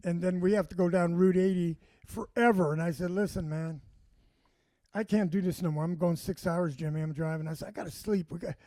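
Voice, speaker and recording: A comedian guest tells stories in casual chat, animatedly acting out what people said. His voice is high and a little fast, recorded with no room sound.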